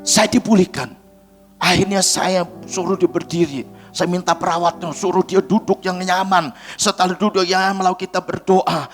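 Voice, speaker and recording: A male pastor, preaching in a lively storytelling way and acting out the voices of the people in his story. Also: high voice, moderate pace, hardly any pauses, soft background music. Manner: animated storyteller, acts out quoted voices. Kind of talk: sermon storytelling.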